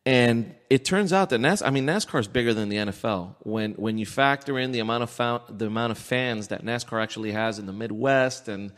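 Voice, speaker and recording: Speaking a little fast with few pauses, this Miami-area American man has a medium-pitched, fairly bright voice. As a podcast co-host, he's casual, opinionated and emphatic. Long reverb fills the echoey room.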